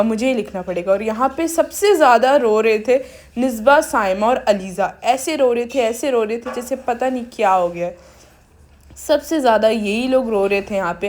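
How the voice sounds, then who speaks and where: A woman's voice: fairly high pitch, darkish tone. A young woman narrating her family wedding vlog in a chatty, casual voice-over, talking straight to her viewers. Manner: chatty, addresses viewers as guys. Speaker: vlogger.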